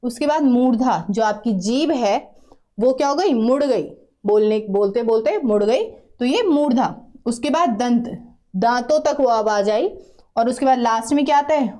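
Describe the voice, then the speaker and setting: Her voice is warm and fairly high, carrying an Uttarakhand Hindi accent as she patiently teaches grammar to a class. She goes over sounds repeatedly and invites the students to pronounce them aloud.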